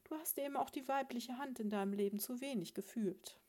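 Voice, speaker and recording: A woman reading a storybook, voicing a prim, self-assured female sparrow who lectures her husband in a patronizing, gently scolding way. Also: mid-range voice, lively intonation, a little slow.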